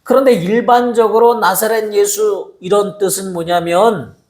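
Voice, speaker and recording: A male pastor preaching a sermon in a high, soft-spoken voice. He tells the story with animation, acting out the people's voices as he goes. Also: fairly even intonation, normal speed, echoey room. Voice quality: soft-spoken, by his own account.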